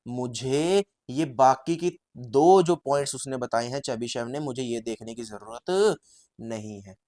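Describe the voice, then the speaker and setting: A man voicing a brash male mathematician who interrupts an argument, a little lower and quieter than his own teaching voice, bossy and insistent. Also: a little slow, lightly acted.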